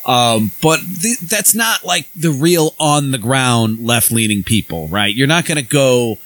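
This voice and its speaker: A man's voice: medium pitch, animated, unhurried, fairly bright tone, low-quality recording. An American man co-hosting a podcast, talking politics bluntly with plenty of swearing and restarts. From United States. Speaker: podcast co-host. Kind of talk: casual political chat.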